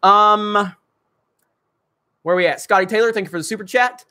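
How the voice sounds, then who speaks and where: A man with a high-pitched, bright, forceful voice speaks at a normal speed while hosting a casual livestream. He reads viewer comments and super chats and answers them in a rambling, filler-heavy way.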